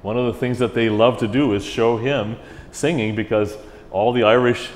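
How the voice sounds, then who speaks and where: A man's voice: mid-range voice, normal speed. Chatty man in an echoey hall. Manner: chatty, animated, slips into mimicked voices. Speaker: orchestra music director, interview guest. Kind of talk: casual interview storytelling. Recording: roomy hall echo with faint ambient hiss.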